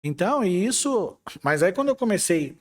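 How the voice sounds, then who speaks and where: A man with a Brazilian Portuguese accent, an IT manager interviewed as a guest, telling stories in a relaxed way with some hesitant restarts. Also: high-pitched, normal speed. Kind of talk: conversational interview.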